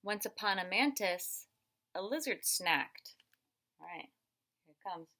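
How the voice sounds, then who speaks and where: Young children listen as a woman teacher reads them a picture book, her medium-pitched voice expressive and instructive. She emphasizes words by stretching them and breaks off to ask questions.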